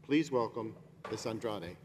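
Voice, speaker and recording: A man's voice: fairly low pitch, measured pace, darkish tone. Formal male emcee, distant hall sound. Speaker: master of ceremonies. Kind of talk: formal introduction. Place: large ceremony hall. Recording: distant echoey hall with faint noise.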